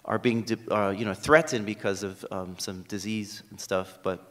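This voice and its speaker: A man's voice: lowish voice, fairly even intonation, moderate pace, fairly bright tone. A middle-aged man from Hawaii with a Hawaiian accent, giving a conference lecture at a podium with plenty of ums and uhs. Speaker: history professor giving a talk. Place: university lecture hall at a podium. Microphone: podium microphone. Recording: reverberant lecture hall.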